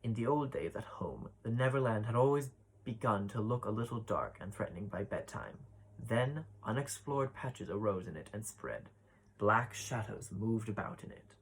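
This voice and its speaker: A man reading a classic children's story aloud, voicing the children's lines with brighter lifts. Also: on the low side, normal speed, husky, rough recording. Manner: expressive reading, voices the children's dialogue with lifts. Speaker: ballet dancer reading a children's book aloud.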